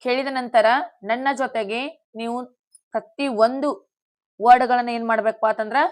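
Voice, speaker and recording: A woman teaching spoken English in a slow classroom manner, spelling out words letter by letter for learners to repeat. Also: a little high, fairly even intonation.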